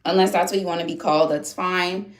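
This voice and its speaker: Her voice is lowish, fairly quick, and fairly even in intonation. She's in her thirties, from upstate New York, and hosts a casual livestream where she chats with commenters, rambling with many fillers and restarts. The room has an echo.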